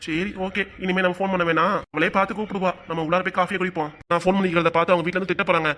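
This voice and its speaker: A woman voicing a gentle young adult son devoted to his mother, speaking softly and affectionately with a Kanyakumari Tamil accent. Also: on the low side, steady tone, racing, slight background noise, lightly acted. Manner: soft and affectionate.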